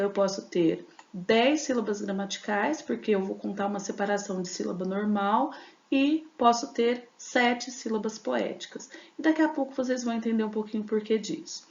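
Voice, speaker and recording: A woman's voice: mid-range voice, gravelly, a little mellow. A woman teacher, explaining a lesson step by step with many fillers and tag questions. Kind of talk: recorded class lesson. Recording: echoey dull lo-fi room recording.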